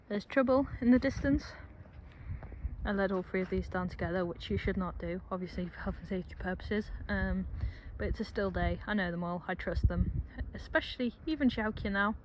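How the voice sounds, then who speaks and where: A woman's voice: medium pitch, normal speed. Chatty young woman vlogging outdoors. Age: young adult. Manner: chatty, rambling, joking asides. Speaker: vlogger at a horse yard. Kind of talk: casual vlog narration. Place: outdoor stable yard. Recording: outdoor background noise.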